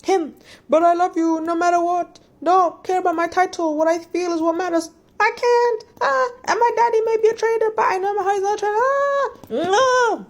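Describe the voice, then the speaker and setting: A woman putting on the voice of a whiny, lovesick young drama heroine in a high, mocking tone. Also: moderate pace. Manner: mocking exaggeration.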